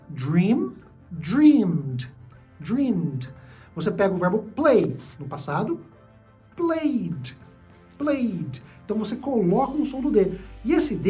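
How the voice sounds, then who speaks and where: A male English teacher explains pronunciation rules in an online lesson, repeating himself and often checking that the listener is following. His voice is mellow, with a lively rise and fall in pitch. Faint music plays underneath. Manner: explanatory, repeats key points, frequent "né?" and "tá?" checks.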